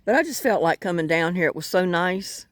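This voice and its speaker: With a lowish voice, lively intonation and a slightly fast pace, an older Southern woman from North Carolina chats while fishing by the water. The vlogger's talk is rambling, folksy and self-deprecating, with no echo in the recording.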